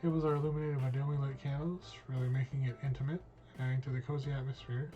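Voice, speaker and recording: A streamer reading a visual novel aloud, voicing all parts in a casual, cursing manner. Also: male voice, mid-range voice, flat delivery, fast, dark tone, lo-fi sound, soft background music. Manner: casual, reads all parts, drops in swear words.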